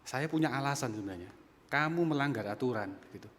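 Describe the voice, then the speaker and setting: A man, preaching a sermon and telling a personal story, moving between quiet asides and loud emphatic points. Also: mid-range voice, expressive, fast. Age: 50s. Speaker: pastor. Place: church sanctuary. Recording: long church reverb.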